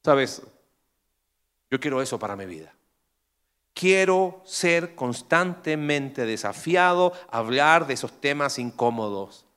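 Male preacher, bright forceful voice, lively sermon delivery with big swings in pitch. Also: slow, smooth. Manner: animated preaching, acting out quoted voices, rhetorical questions.

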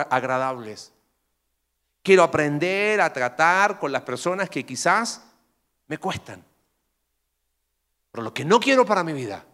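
A man preaching a sermon with animated delivery, asking rhetorical questions and acting out quoted voices. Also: fairly high pitch.

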